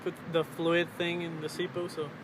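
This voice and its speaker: A man in his twenties chatting casually to camera in a hesitant, halting way, searching for his words. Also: fairly high pitch, monotone. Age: 20s. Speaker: vlogger. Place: outdoors on a riverbank under a road bridge. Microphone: camera's built-in mic at arm's length. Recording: clear outdoor traffic and ambient noise.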